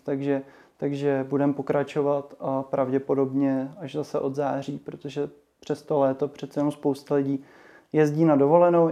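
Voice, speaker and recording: Even-toned man with a mellow voice. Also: fairly high pitch. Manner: hesitant, many fillers and restarts. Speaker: guest, marketing association chairman. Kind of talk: casual interview talk.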